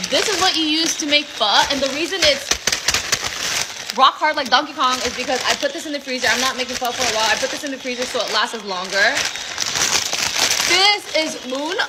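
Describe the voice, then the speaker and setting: A young woman chatting through a casual food vlog, quick and joking as she cooks in her home kitchen on a phone. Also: high-pitched, heavy background noise. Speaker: food vlogger.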